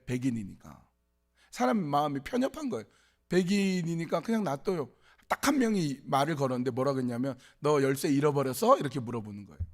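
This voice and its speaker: A man preaching a sermon at a youth service, telling stories in a conversational way and acting out the quotes. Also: fairly high pitch. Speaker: pastor.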